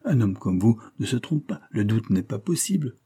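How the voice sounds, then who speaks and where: A man reading aloud, voicing an eager, excitable young police agent who talks in exclamations. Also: lowish voice, slightly rough, heavily acted. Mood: excited. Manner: exclamatory, eager, quick to enthusiasm.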